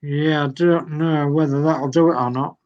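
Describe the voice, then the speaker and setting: Over a muffled recording, an older man with a Yorkshire accent speaks in a fairly high pitch and steady tone. He works through model-building steps on a video call, slow and patient, reading out the instructions step by step.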